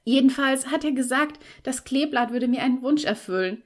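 A woman's voice: high-pitched, moderate pace, voice pushed up. A woman voicing a shy but stubborn teenage girl in an audiobook, speaking in a raised, earnest, pleading way. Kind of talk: audiobook reading.

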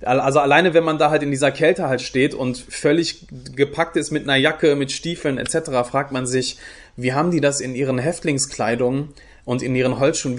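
A young adult man from Germany answering interview questions in a thoughtful way, with many fillers and restarts. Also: mid-range voice. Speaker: guest, youth project leader.

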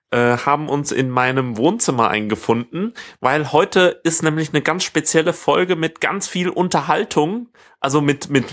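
A man co-hosts a casual tech podcast from a living room, rambling, halting, and frequently correcting himself mid-sentence. His voice is medium in pitch with a fairly bright tone.

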